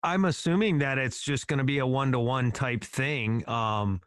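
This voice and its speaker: Male host, casual and rambling, mid pitch, dry close sound. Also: moderate pace, clean tone, no room sound. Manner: relaxed, rambling, agreeable. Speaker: podcast host. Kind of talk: casual podcast conversation.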